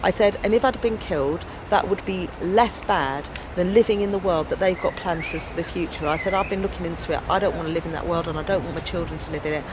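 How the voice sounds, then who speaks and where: She speaks fast with few pauses, her voice sitting on the low side. An English activist and storyteller, she tells lively stories loudly and strongly in a casual outdoor interview, with background noise.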